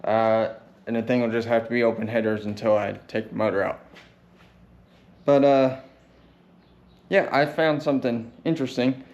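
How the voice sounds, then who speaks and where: A man's voice: mid-range voice, steady tone, normal speed, pauses often, darkish tone, muffled recording. Man, mid-range voice, casual unscripted mechanic vlog, laid-back, plain-spoken. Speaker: DIY truck mechanic vlogger and welder.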